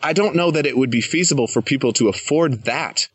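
A man's voice: medium pitch, fairly quick, slightly rough, no room sound, lo-fi sound. A young adult man hosting a podcast interview, enthusiastic and eager to give advice. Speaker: podcast host. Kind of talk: casual interview. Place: living in Thailand, jungle sounds around.

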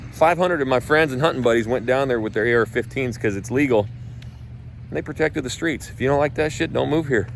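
A man from North Idaho who coaches real estate agents talks casually in a blunt, emphatic way, swearing freely. His voice is medium-pitched, with a little hiss or hum on the recording.

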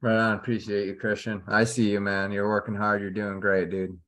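A man's voice: lowish voice, little pitch movement, normal speed, a bit bright. A man in his forties, a podcast guest on a video call, talking in a loose, profane way full of fillers. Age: 40s. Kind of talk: casual conversation.

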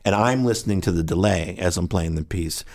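A man with a very deep, low-pitched voice, walking through his gear in a long, rambling, technical explanation. He often sounds out rhythms with nonsense syllables as he goes. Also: fairly quick, a little mellow. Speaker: guest musician.

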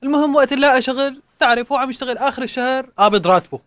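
Very high-voiced Levantine man telling jokes fast. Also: a bit bright, no echo. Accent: Levantine Arabic.

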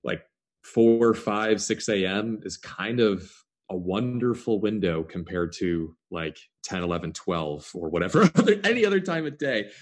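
A middle-aged man, a podcast guest, talking in a relaxed, rambling way and drawing out some words. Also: on the low side, normal speed. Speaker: podcast guest, startup founder. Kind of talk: casual interview conversation.

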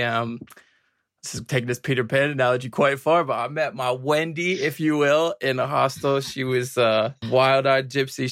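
A man's voice: mid-range voice, fairly bright tone, no room sound, studio quality. A man talking as a guest from his home office, telling wry, self-deprecating stories in a casual interview. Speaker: guest advisor.

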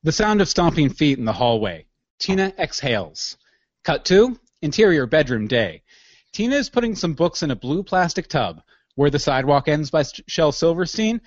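A man's voice: on the high side, big pitch swings, normal speed, no room sound, muffled recording. A man narrating scene directions in a matter-of-fact way for an audio drama.

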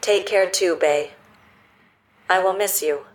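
A calm, precise robot. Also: female voice, lowish voice. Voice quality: measured, precise. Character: helpful female-voiced robot, calm and precise. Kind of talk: audio drama acting.

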